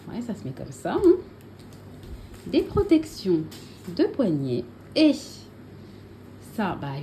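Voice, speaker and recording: A woman's voice: fairly high pitch, warm tone, slight background noise. A woman chatting casually to camera as a vlogger, showing her purchases at home, full of fillers and self-corrections.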